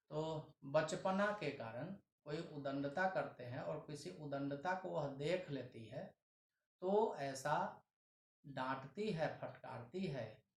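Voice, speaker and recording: A man with a Hindi accent teaches a Sanskrit lesson at a slow, careful pace. He reads each line, then goes over it in plain words. His fairly high voice sounds a little echoey, as if he is in a bare room. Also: a little hiss or hum.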